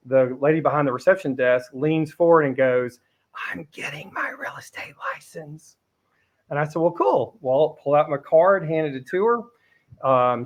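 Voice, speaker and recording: Higher-voiced man telling stories. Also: a bit bright, highs cut off. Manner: storytelling, laughs easily. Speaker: guest, real estate team leader. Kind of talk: casual interview chat.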